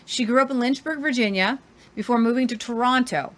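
A woman's voice: on the high side, a little fast. A woman hosting a podcast, giving casual commentary on viral videos. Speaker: podcast host.

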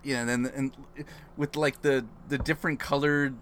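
Brief: chatty male podcast co-host, bright forward tone, animated and profane, faint hiss under the voice. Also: mid-range voice, normal speed. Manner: animated, swearing, acts out quotes. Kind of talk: casual chat.

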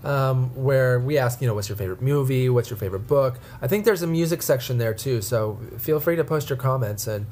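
A woman's voice: extremely low pitch, fairly quick, hardly any pauses, dark tone. A stuffed-up woman co-hosts a casual podcast chat. She rambles along with plenty of fillers and restarts, and some faint noise sits behind her voice. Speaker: podcast co-host.

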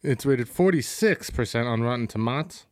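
A man co-hosting a casual movie podcast, reading out film facts in a deadpan way with slow pauses. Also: medium pitch, no room sound, studio quality. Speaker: podcast co-host. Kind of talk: casual chat.

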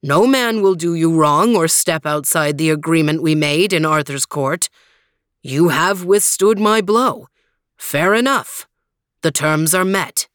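A huge, stern green knight, as a woman reader puts him on, speaking low and measured. His words come slowly and weightily. The recording is dry and close. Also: no echo. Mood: calm, stern.

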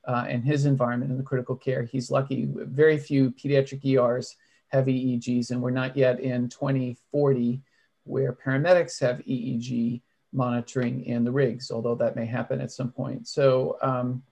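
Male moderator, mid-pitched, steady explanatory teaching manner, poses questions to the panel. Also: moderate pace, creaky. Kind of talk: online panel discussion.

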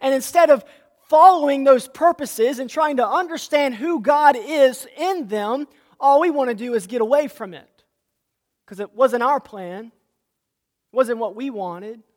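A pastor with a high voice preaches at a measured pace, reading scripture, asking the congregation rhetorical questions, and often restarting and repeating words. Long hall reverb surrounds the recording.

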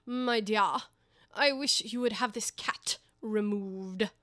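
A woman voicing a fussy, timid king who speaks slowly and decidedly. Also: mid-range voice, fairly bright tone, no echo, studio quality. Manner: slow, decided.

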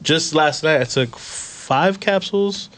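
A man's voice: on the high side, takes it slowly, fairly bright tone. A man chatting informally, telling things in a casual anecdotal way and quoting his own reactions.

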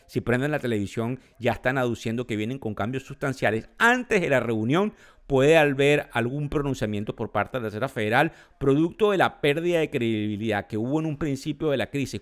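A man from Venezuela hosting a financial market show, explaining the news to his listeners and defining the terms as he goes. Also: mid-range voice.

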